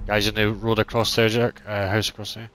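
A man talks over squad voice chat in a somewhat low voice, firing off short tactical callouts. Gunfire and game sounds sit faintly behind him. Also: little pitch movement, fairly bright tone, slight background noise. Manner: quick, clipped tactical callouts. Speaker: gamer calling out plays.

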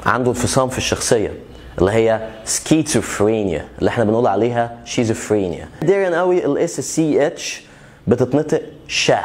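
A man's voice: mid-range voice, darkish tone. Egyptian man teaching English pronunciation. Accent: Egyptian Arabic. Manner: explains, then repeats example words slowly. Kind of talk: pronunciation lesson.

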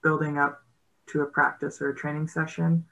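A woman's voice: low voice, level tone, normal speed, creaky, a bit bright, rough recording. A woman in her thirties, a rower on a panel, speaking on a video call in a thoughtful, hesitant way with many fillers. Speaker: guest rower. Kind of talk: casual panel discussion. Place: indoor home room. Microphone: video call laptop mic.

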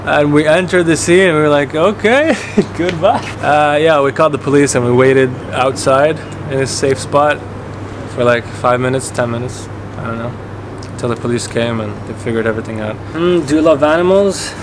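A man in his twenties casually answering viewer questions in a relaxed, chatty way, with lots of fillers and restarts. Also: a little high, moderate pace. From Canada and Qatar. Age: 20s. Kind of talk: casual Q&A vlog. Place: home office, then outdoor courtyard. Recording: echoey room with clear background noise.

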